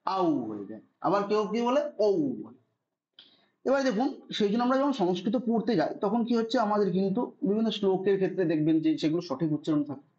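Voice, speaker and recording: A man teaches an online Sanskrit grammar lesson in a high-pitched, racing voice with few pauses and a darkish tone, and the audio sounds dull. He patiently spells out the rules and keeps checking that students follow, repeating "ঠিক আছে" to confirm they understand.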